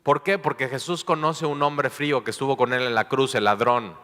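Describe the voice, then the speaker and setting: A man's voice: medium pitch, steady tone, normal speed, sharp tone, in a large hall. A Mexican man preaching a sermon, playful, acting out small everyday dialogues. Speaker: pastor.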